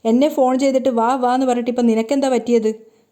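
A woman's voice: a little high, little pitch movement, fast talker, warm tone, close to an everyday voice. A woman voicing a protective young husband who questions sharply and grows angry. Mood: pressing. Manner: demanding, stern questioning.

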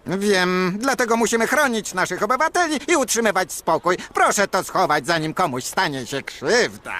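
An actor voicing a mild, unarmed police chief in a cartoon dub, calm and slightly preachy. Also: male voice, high-pitched, normal speed. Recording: music behind.

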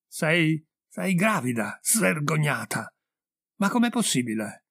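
A man's voice: a little high, big pitch swings, measured pace, fairly bright tone, husky, dry recording, heavily acted. A man voicing an old peasant mother, harsh and furious, who scolds and hurls insults, in a story reading.

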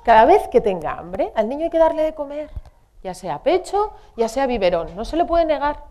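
A middle-aged woman pediatrician talks parents through a workshop. Her voice is mellow and warm, and her pitch swings widely as she acts out their worries. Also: big pitch swings, normal speed, dull audio.

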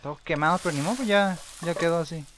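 A young man, casually commenting on his life-sim game in a rambling way, with sudden excited shouts. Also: a little high, fast, a crowd in the background. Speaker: gameplay streamer.

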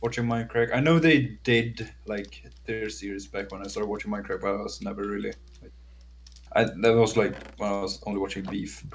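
A man chatting in a relaxed, easygoing way during a co-op game session. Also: fairly low pitch, fairly quick. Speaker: gamer in a co-op session. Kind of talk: casual gameplay chat.

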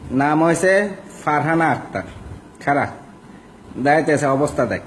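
A man's voice: fairly high pitch, lively intonation, moderate pace, slight background noise, rough recording. A young man with a Barishal Bengali accent, ranting as a vlogger in a coarse, mocking and insulting way. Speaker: social media vlogger. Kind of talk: ranting monologue.

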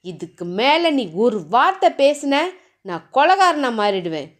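A woman's voice: high voice, sing-song, unhurried. Woman reading as a hot-tempered possessive husband. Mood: angry. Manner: shouting, scolding. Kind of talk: novel reading.

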